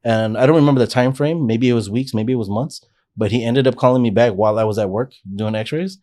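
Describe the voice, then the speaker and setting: A forties-aged man with a medium-pitched, slightly mellow voice talks fast as a podcast guest. Telling his life story in a casual interview, he's sincere and meandering and keeps restarting.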